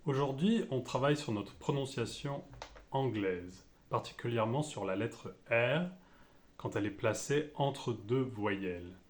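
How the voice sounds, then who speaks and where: A man with a French accent teaching English pronunciation, speaking slowly and deliberately and repeating each example. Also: mid-range voice, animated. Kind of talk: pronunciation lesson.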